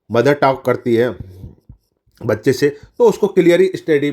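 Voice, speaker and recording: A man's voice: on the high side, darkish tone. A man teaching nursing exam questions in a lecture, addressing students as children, repeating key answers and correcting himself as he goes. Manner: mixes English terms into Hindi explanation.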